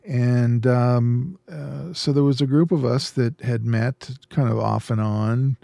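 A man co-hosting a podcast, telling a story in a relaxed, easygoing way with a few fillers. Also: medium pitch, slow, creaky, no room sound. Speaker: podcast co-host. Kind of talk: casual chat.

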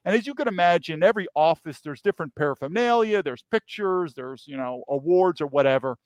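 Animated high-voiced man, emphatic. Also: fairly quick, dry recording. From New York. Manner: emphatic, repeats words, animated storytelling. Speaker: guest, former FBI agent. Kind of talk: interview conversation.

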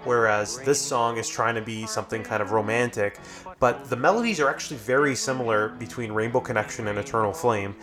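A man's voice: medium pitch, fairly quick. A man co-hosting a casual music podcast, explaining songs in a thoughtful, easygoing way. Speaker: podcast co-host.

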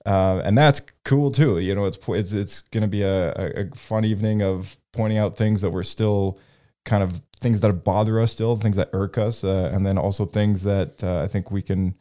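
A man's voice: on the low side, fairly even intonation, normal speed, warm tone. A man hosting a casual group discussion, rambling with lots of ums and restarts. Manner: rambling, many fillers and restarts. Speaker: podcast host leading discussion.

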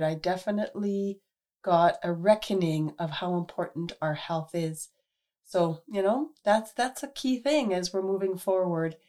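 Woman, radio host, hoarse and husky, lowish voice, chatty and earnest. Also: warm tone. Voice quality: husky, gravelly. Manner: chatty, earnest, many fillers. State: hoarse from illness. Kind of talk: casual radio monologue.

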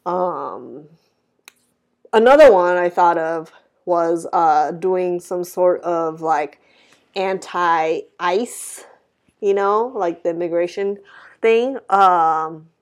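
A woman's voice: fairly low pitch, extremely slow. A woman co-hosting a podcast in casual chat, rambling with many fillers and laughing easily. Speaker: podcast co-host.

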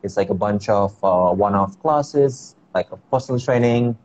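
A man chatting casually and a little haltingly as a guest on a remote call. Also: fairly low pitch, a little mellow. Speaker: interview guest, dance teacher. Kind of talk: casual chat. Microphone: remote internet live-stream call. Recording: muffled lo-fi call with noise.

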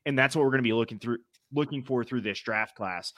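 A man's voice: medium pitch, fast, a bit bright, no room sound. A man with a New England accent talking sports casually as a show co-host, with some mild swearing. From New England, United States.

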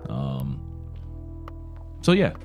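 A man's voice: a bass voice, very slow, vocal fry, soft background music. A man with a cold and a nasal voice, co-hosting a podcast, ranting with lots of swearing. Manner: animated ranting, frequent swearing. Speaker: player and podcast co-host. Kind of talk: casual podcast banter.

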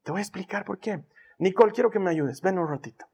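Husky-voiced preacher, loud then whispering. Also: male voice, sits high. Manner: swings from loud emphatic preaching to soft whispers; slow, dramatic pauses on single words. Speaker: pastor. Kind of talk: sermon.

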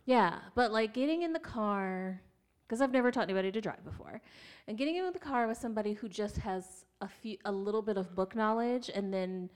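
A woman hosting a casual chat, telling stories in an animated way and laughing often. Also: medium pitch, a little fast, clean tone. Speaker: podcast host.

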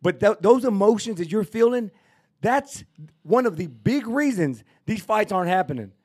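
A husky, slightly mellow, high-pitched male voice comes through animated and at a moderate pace, with a Texas accent. As a podcast co-host in a relaxed boxing discussion, he argues forcefully, repeating himself and ranting.

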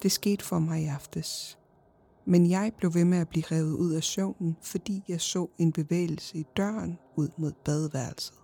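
A woman narrating a horror story in the first person, in a slow, hushed and often whispered voice. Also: fairly low pitch, fairly even intonation, gravelly, slightly rough.

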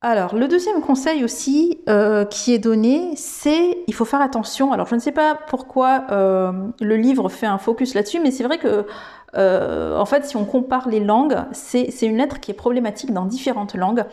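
A woman's voice: on the high side, animated, moderate pace, dark tone. A woman hosting a podcast lesson, speaking thoughtfully with frequent fillers and restarts. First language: French. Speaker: English teacher and podcast host.

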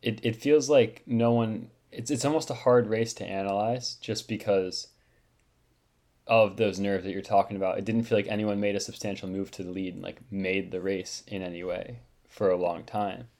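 A man's voice: on the low side, fairly even intonation, normal speed, darkish tone. A young man co-hosting a podcast, talking through a race in a hesitant, chatty way full of likes. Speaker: podcast co-host. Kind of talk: casual chat, asking about a race.

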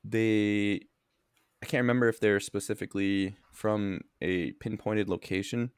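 A man co-hosting a podcast who talks in halting bursts with self-corrections and reads search results aloud, with the hiccups. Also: on the low side, steady tone, smooth, no echo, studio quality. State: has the hiccups. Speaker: podcast co-host. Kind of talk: casual chat.

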